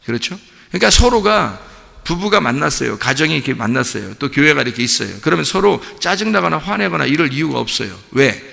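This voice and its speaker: Male pastor, raised gravelly voice, rhetorical questions to the flock, insistent, echoing in a church hall. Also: a little high, very animated, quick pace, bright, forceful tone. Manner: asks the congregation rhetorical questions; builds to emphatic insistence. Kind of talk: sermon. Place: church sanctuary. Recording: long reverb of a church hall.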